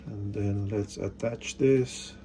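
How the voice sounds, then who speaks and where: In a casual hands-on tutorial, a man shows how to install a product, giving brief step-by-step instructions. His dark, lowish voice stays fairly even and slow. There's faint background noise.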